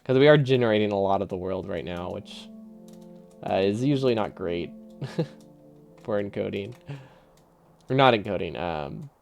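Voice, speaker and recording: A man's voice: on the low side, expressive, measured pace, gravelly, long pauses, darkish tone, faint music behind. A man streaming a video game live, thinking aloud, chuckling often and answering his chat in a casual, easily amused way.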